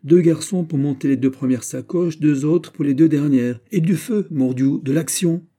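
A man's voice: lowish voice, animated, moderate pace, mellow. A man voicing a bold, swaggering middle-aged musketeer captain who barks commands and exclamations in a storybook reading. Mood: commanding, jubilant. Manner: exclamatory, commanding, swears "mordieu".

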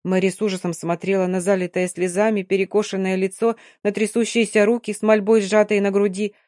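A woman reads a novel aloud in an even, expressive storytelling voice. The sound is dry and close, with no room echo. Her pitch sits in a middle range. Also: a little fast. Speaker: audiobook reader. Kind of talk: scripted narration.

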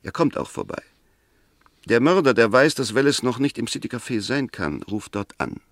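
In a clean studio recording with no room sound, a man plays a defence lawyer in a 1960s German radio drama. His medium-pitched, slightly bright voice moves at normal speed and stays expressive. He argues precisely, insistent and courteous yet sceptical, reasoning his way through each point.

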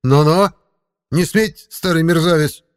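A man's voice: on the high side, normal speed, pitched above the performer's own voice, close to an everyday voice. Man voicing a snappy sarcastic tomcat. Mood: scornful. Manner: scolding, mocking. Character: sardonic male talking cat mentor, snappy. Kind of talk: audiobook character voice.

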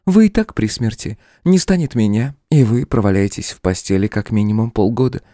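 A man's voice: on the low side, a little fast, no room sound, clean studio sound, pitched above the performer's own voice, lightly acted. Guy doing a cool smirking demon lady from an audiobook, voice pushed way up, totally unbothered. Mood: cool mocking. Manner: calm, smiling, unbothered. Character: cool mocking demoness woman, calm and defiant.

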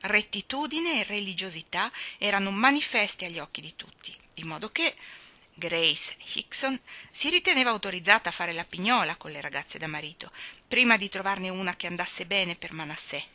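A woman reading a novel aloud as audiobook narrator, measured and expressive. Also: mid-range voice, dry recording. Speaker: audiobook reader.

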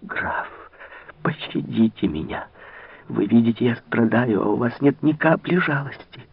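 Haughty princess, proud and hot-tempered, a man raising his low voice for her, husky, tinny radio sound. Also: expressive, a little fast. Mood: pleading. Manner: haughty, then pleading. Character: proud, quick-tempered young princess at a royal court. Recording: tinny old radio broadcast.

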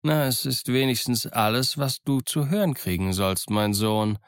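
A man voicing a cunning, genial yet menacing old male pirate in an audiobook, with a gruff, folksy, wheedling way of talking. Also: mid-range voice, normal speed, dry recording, close to an everyday voice. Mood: gruff, sly. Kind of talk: audiobook character voice. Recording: dry close studio sound.

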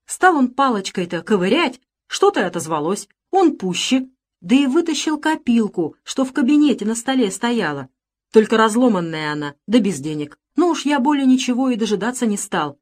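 A woman voicing an excited, breathless male servant who tells his news in a folksy gabble. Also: fairly high pitch, moderate pace, pitched above the performer's own voice.

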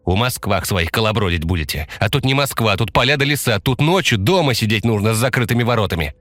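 A man puts on an elderly village grandmother for a spoken horror story. She scolds and frets, her voice pitched well above his own and raised in volume. The recording is dry and close. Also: animated, quick pace, a bit bright, no room sound. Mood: scolding. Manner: scolding, fussing, lamenting.

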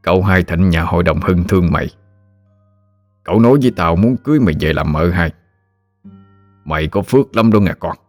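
A man's voice: deep voice, a little fast, long pauses, faint music behind, natural voice. A man voicing a greedy, drunken village father who scolds and threatens harshly. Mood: commanding.

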